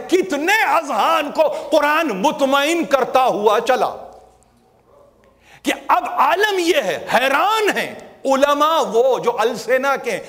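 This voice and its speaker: Male scripture lecturer, high voice, slow emphatic delivery, echoing lecture hall. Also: fairly bright tone. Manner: slow and emphatic, drawing out single letters and words. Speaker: Quran lecturer. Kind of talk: religious lecture to an audience. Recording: long hall reverb.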